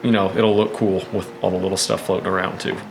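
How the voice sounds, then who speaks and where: A man's voice: deep voice, little pitch movement, fast, vocal fry, background noise. A man casually narrating his cooking at home, rambling in a laid-back, profane way. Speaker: host of a cooking vlog. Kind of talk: casual chat while cooking, narrating each step. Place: home kitchen.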